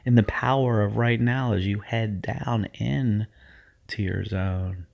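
In a low-leaning voice that's creaky, with fairly even intonation, a middle-aged man slowly leads a guided hypnotic visualization for athletes. He speaks in hushed, soothing, repeated phrases.

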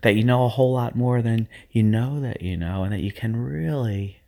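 Guiding athletes through a hypnotic visualization, a middle-aged man repeats soothing phrases in a hushed way. He speaks at a moderate pace with a medium pitch and some vocal fry.

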